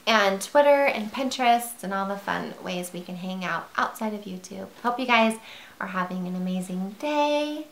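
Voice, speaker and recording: Bright-voiced chatty woman vlogger. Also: medium pitch, animated, normal speed, vocal fry. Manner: chatty, rambling, with fillers. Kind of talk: casual chat to camera. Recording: roomy echo.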